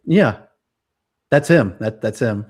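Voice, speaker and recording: A man appearing as a guest expert on a casual live stream, chatty and joking, quick to chime in. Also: mid-range voice, animated, darkish tone, breathy edge.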